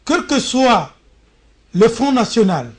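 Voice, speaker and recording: A man, giving deliberate, formal political commentary as a journalist on a panel, with small stammers. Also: extremely high pitch, big pitch swings.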